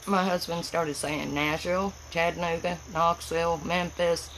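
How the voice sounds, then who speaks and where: A woman from Tennessee with a gravelly voice and an Appalachian accent, chatting casually and plainly on a livestream in a folksy, rambling way. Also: lowish voice, little pitch movement, normal speed, fairly bright tone, a little hiss or hum, rough recording. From Tennessee, United States. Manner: folksy, plain-spoken, rural speech. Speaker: livestream host.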